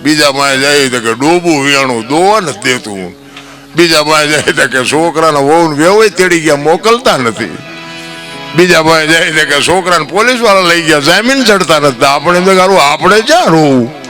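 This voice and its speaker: A man with a Kathiawadi Gujarati accent giving an impassioned devotional folk storytelling talk to an audience. He preaches with feeling and keeps addressing his listeners warmly as elders. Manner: impassioned preaching, swells into loud high outbursts, often calls listeners "bapu". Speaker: folk storyteller and literary speaker.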